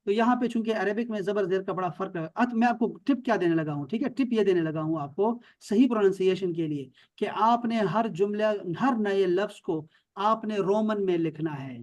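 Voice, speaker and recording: High-voiced Pakistani Arabic teacher. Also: male voice, darkish tone. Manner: explains patiently, repeats words, checks with students. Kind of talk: online class teaching.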